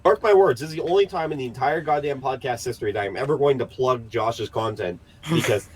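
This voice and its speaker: A man's voice: medium pitch, fast talker, breathy edge, rough recording. A man hosting a casual podcast, ranting and swearing with sarcastic humor. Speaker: podcast host.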